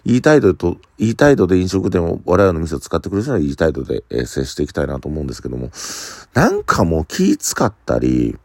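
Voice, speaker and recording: A man's voice: low voice, huge pitch swings, fast talker, a little mellow, no echo, studio quality. A man with a Kansai accent, a standing bar owner, talking casually on his own in a blunt, opinionated way. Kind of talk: casual solo talk.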